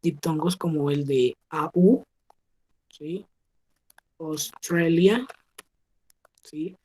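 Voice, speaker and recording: A woman teaching an English lesson over a video call, with a voice a touch lower than most. She talks patiently and stops often to check that the class is following. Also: slow, warm tone, slightly rough. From Colombia. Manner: patient, checks understanding with frequent "¿sí?". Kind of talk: online class explaining pronunciation.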